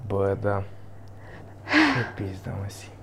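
A man's voice: sits low, huge pitch swings, vocal fry, a bit bright, a little hiss or hum. A man chatting casually, laughing often and swearing freely. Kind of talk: casual chat.

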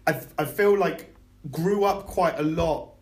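A young man talking as a podcast guest at a live show, rambling and self-deprecating, with a jumpy pitch. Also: unhurried. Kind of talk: live podcast chat before an audience. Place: live music venue room. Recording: echoey live venue room.

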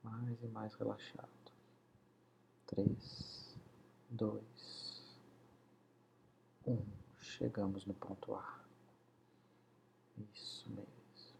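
Man, hypnosis guide, slow soothing delivery, dark gravelly voice, drops to whispers, faint hiss. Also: on the low side, little pitch movement. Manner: slow, soothing, drawn-out counting, often near a whisper.

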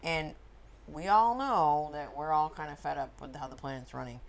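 Low-voiced woman in casual chat. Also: lively intonation, normal speed, creaky. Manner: opinionated, swears. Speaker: movie discussion participant.

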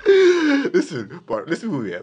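A man's voice: high-pitched, huge pitch swings, slow, darkish tone, muffled recording. A young man chatting casually in slang as a co-host, teasing and often repeating himself in agreement. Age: young adult.

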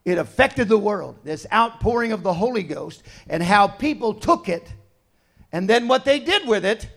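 A middle-aged pastor with a high voice preaches in a conversational style, alternating soft asides with loud, emphatic points.

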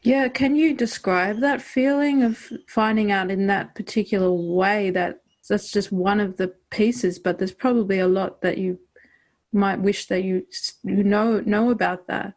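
Female interviewer, Australian accent, medium pitch with little melodic movement, appreciative conversational podcast hosting. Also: fairly even intonation, unhurried, a little mellow. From East Coast of Australia. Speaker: podcast host and poet. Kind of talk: warm appreciative interview talk.

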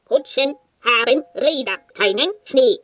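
A woman's voice: sits high, a little slow, very noisy. A woman voicing a bored, muddled talking machine in a storybook, speaking in clipped, literal-minded phrases. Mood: fussy. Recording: loud clicks and phone noises.

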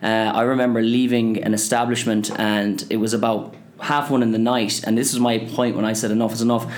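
A man's voice: on the low side, little pitch movement, fairly quick. A man in his twenties with a west of Ireland accent, chatting casually as an interview guest. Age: 20s. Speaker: interview guest, business co-founder.

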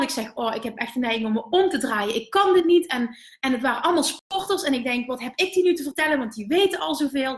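A Dutch woman in her thirties, a business coach hosting a live stream, who tells candid, animated stories and swears now and then. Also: high-pitched, roomy sound. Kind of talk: live stream storytelling to viewers.

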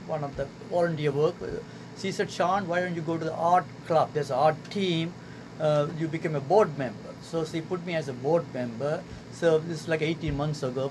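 A Sri Lankan man in his sixties, a guest artist on a radio show, speaks earnest, halting English in a slightly high voice. The casual interview was recorded in a studio with a noisy background, where air conditioning hums clearly.

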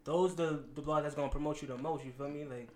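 A man's voice: on the high side, steady tone, fast talker, darkish tone. A man with a Queens, New York accent in a casual chat, talking in a slangy, rambling way with lots of "like". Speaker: guest, music blogger and promoter.

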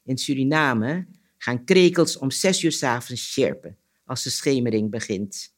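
A man telling a folk tale as a guest on a talk show, narrating in a lively, expressive way. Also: medium pitch, unhurried. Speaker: storyteller guest. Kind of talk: storytelling on a radio show.

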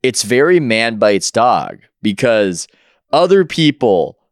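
A man, a guest writer on a casual podcast, telling an animated story. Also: mid-range voice, slow, no room sound, clean studio sound.

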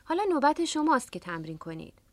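A woman with a somewhat high, animated voice hosts a radio language lesson. She explains each word patiently and step by step. The sound is close and dry, straight from a studio microphone. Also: dry recording. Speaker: English teacher and radio host.

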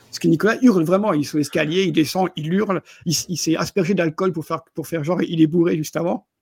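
A fast-talking podcast co-host reviews films in a casual chat, stumbling, repeating words often and chuckling as he goes. His slightly high voice is gravelly, husky and a little mellow, with fairly even intonation. The audio is clean studio sound with no echo.

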